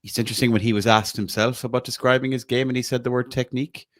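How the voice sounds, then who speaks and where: A man's voice: mid-range voice, fairly even intonation, fast talker. An Irish man hosting a fan podcast, chatting casually about football with lots of "like" and the odd swear. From Ireland. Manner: chatty, says "like" a lot. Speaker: podcast host.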